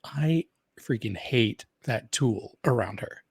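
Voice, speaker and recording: A man's voice: mid-range voice, animated, slow, husky. A man co-hosting a podcast in casual chat, opinionated and chatty, often laughing as he talks. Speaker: podcast co-host.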